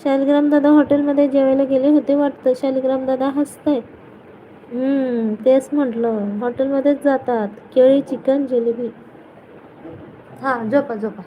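A woman's voice: high-pitched, fairly even intonation, normal speed, muffled recording, slight background noise. A woman hosting a casual live stream, greeting viewers by name and teasing them playfully.

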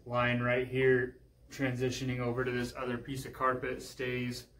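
An American DIY vlogger gives a casual, hands-on renovation walkthrough in a small, empty bedroom, his medium-pitched voice even-toned at a moderate pace. The room echoes heavily, with faint hiss and handling clicks.

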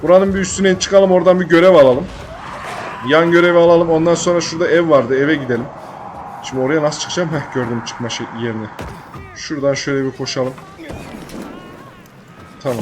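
A man's voice: on the high side, noisy background. Chatty young man playing a game. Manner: loud joking swearing banter at the game. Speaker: gaming YouTuber. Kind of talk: casual let's-play commentary.

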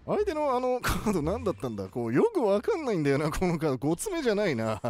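Male performer as wise old-man professor gaming, high voice, very animated swings, playful exclamations, music underneath. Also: fast talker. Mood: playful, focused. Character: elderly cartoon professor, excitable old man gamer. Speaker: gaming video host. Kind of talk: video game commentary.

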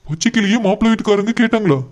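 A man's voice: high voice, racing, background noise, lightly acted. A man voicing a polite, lovesick young man in a cartoon. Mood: mopey. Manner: polite, addresses elders respectfully. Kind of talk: cartoon voice acting.

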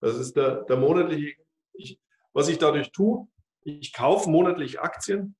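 A man's voice: on the high side, measured pace. A man in his fifties, a financial advisor presenting at a whiteboard in an office, explaining with many fillers and restarts. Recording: echoey office, mic far off.

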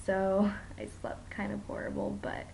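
A woman's voice: medium pitch, monotone, measured pace, gravelly, darkish tone, slight background noise. A young mother giving a casual home video update about her toddler, chatty and rambling with many ums, tired after a poor night's sleep. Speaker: young mom vlogger.

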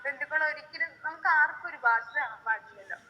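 A young woman being interviewed, speaking softly and consolingly, with hesitant pauses. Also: high voice, expressive, in a large hall, lo-fi sound. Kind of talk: emotional interview.

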